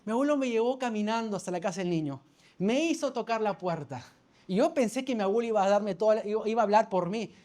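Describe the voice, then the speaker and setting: A man's voice: high voice, lively intonation, fast, a little mellow. A man, a pastor preaching a sermon. He tells a personal story, calls for amens and often restarts his phrases. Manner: storytelling, calls for amen, self-correcting restarts.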